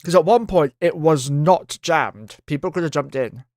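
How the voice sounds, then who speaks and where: A man talking through a live game stream in a loose, offhand way, cursing as he reacts. His voice sits a little high for a man, and it comes through a close mic in a dry, deadened space. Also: moderate pace, darkish tone, dry recording. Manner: casual, thinking aloud, swears freely.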